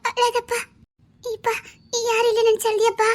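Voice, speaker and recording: A woman's voice: extremely high pitch, completely flat delivery, normal speed. An actress playing a loving grown daughter who soothes and pleads with her grieving father in a TV serial scene. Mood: soothing. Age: young adult. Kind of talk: TV serial acting.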